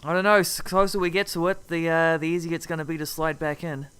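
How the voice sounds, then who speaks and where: A man's voice: on the high side, little pitch movement, fast talker, a bit bright, clear, resonant tone. A man co-hosting a podcast, chatting casually in offhand, clipped phrases. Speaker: podcast co-host. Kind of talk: casual podcast chat about television.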